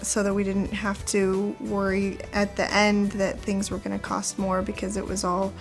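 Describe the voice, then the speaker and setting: A woman's voice: medium pitch, monotone, normal speed, vocal fry, soft background music. A woman giving a customer testimonial in a conversational style.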